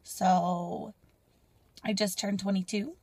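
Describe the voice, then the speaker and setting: Young mom vlogger in her twenties, husky and gravelly, close dry sound in a car, candid and rambling. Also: mid-range voice, steady tone, slow, no room sound. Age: 20s. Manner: candid and rambling, drops to soft near-whispers. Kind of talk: casual personal vlog. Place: parked car, indoors. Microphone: phone camera at arm's length.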